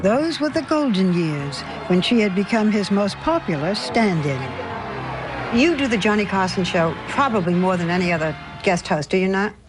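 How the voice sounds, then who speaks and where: A woman narrating a news magazine segment and interviewing a guest with measured, probing questions. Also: mid-range voice, expressive. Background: music.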